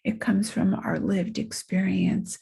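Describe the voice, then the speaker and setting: A woman giving a slow, reflective spiritual talk, speaking softly and often dropping into a breathy near-whisper. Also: medium pitch, fairly even intonation. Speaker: spiritual teacher.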